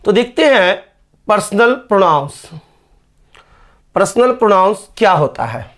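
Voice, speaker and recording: Slow-talking male teacher. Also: sits high, animated, a bit bright. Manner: spells words letter by letter, slow and drawn out. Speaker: English teacher. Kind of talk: classroom grammar lesson.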